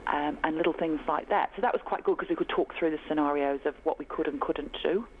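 Fast-talking woman on a tinny phone line. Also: deep voice, slight background noise. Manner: quick, upbeat, with fillers. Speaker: bar owner. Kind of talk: casual phone interview.

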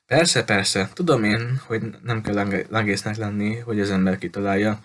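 A man's voice: on the low side, fairly bright tone. Man putting on a gushing chatty lady bookseller. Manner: talkative, gushing, interrupts.

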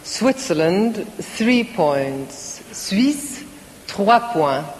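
Woman presenter, slow bilingual score reading, live hall broadcast with audience. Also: medium pitch, very animated, darkish tone, a little hiss or hum. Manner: repeats each score in English then French, measured. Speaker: contest presenter. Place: large concert hall.

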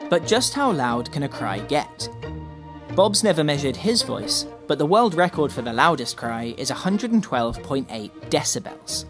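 A man's voice: fairly high pitch, sing-song, moderate pace. A man reading scripted narration for a feature report as its reporter. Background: music.

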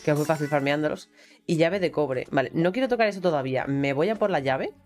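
A woman with a Spain Spanish accent chats her way through a video game, bursting into exclamations and casual swearing. Her voice sits low but swings widely in pitch. Faint game music plays beneath her. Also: expressive, quick pace, a little mellow. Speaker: gaming streamer. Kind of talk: casual gameplay commentary.

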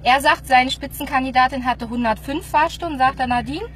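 Chatty giggly woman vlogging from the car, kinda high voice, car noise behind her. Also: a little fast, fairly bright tone. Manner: giggly, chatty, greets viewers by name. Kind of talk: casual vlog chat.

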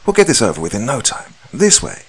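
Guy doing a stressed, breathless surgeon, higher, brushes you off fast. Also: wildly swooping pitch, breathy edge. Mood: brusque. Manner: stressed, brisk, dismissive. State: mildly out of breath. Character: hurried, impatient male surgeon.

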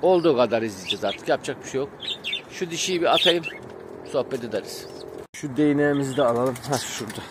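A man's voice: mid-range voice, expressive, fast, heavy background noise. Frustrated man venting outdoors among pigeons. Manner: venting, frustrated, rambling with fillers. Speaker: pigeon-keeping vlogger. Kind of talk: casual vlog talk to viewers. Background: pigeons cooing and birds chirping.

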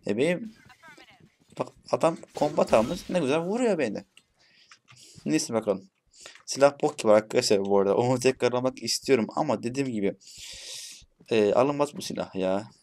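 A man's voice: mid-range voice, lively intonation, brisk, pauses often, slight background noise. A young man giving casual gameplay commentary, chatty and cursing playfully at the bots. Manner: chatty, swears playfully at bots, shouts when frustrated. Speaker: gaming YouTuber.

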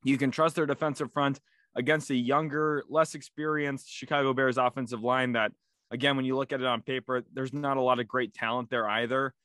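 A man's voice: mid-range voice, brisk, dry recording. A young man hosting a casual sports prediction show, leading the talk and passing questions to his co-host. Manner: energetic, leads the segment and hands questions to co-host.

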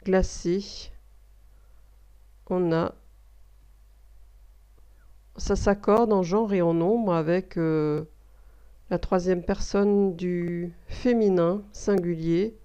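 Slow, mellow-voiced woman dictating a lesson. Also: fairly low pitch, fairly even intonation, smooth. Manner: slow, repeats words, explains grammar step by step. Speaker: teacher giving a dictation. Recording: dull lo-fi recording.

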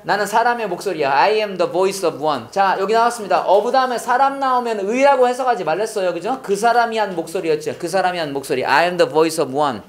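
A man, a pastor, teaching Bible memorization in English. He recites verses very slowly for repetition and quizzes his students with quick questions in between. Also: high-pitched, animated. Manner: slow drilled English recitation between quick Korean explanation. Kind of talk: call-and-response Bible English lesson.

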